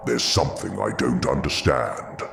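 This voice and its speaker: An extremely low, heavily croaking monster in an audio drama. The creature is bitter and grieving, brooding over every slow, solemn phrase. Clear background noise sits behind the voice. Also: male voice, a bit bright, heavily acted. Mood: probing, bitter. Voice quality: deep, gravelly. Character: Frankenstein's monster, bitter grieving philosophical male creature, ancient at heart. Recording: clearly noisy background ambience.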